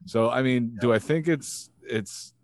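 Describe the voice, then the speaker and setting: A man co-hosting a casual sports podcast who talks in an animated way and keeps saying "you know what I'm saying". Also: medium pitch, measured pace, no room sound, clean studio sound. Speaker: podcast co-host.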